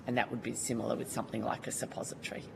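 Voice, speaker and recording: Her voice is very deep and creaky, her delivery flat and very fast, with a noisy background behind her. She's an Australian woman testifying formally before a Senate committee, earnest and colloquial in manner and frequently restarting her sentences.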